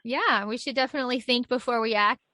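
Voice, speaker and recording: A woman's voice: a little high, fast, pushed and bright, no echo, studio quality. A woman hosting an interview, asking questions and responding conversationally. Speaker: interviewer, host.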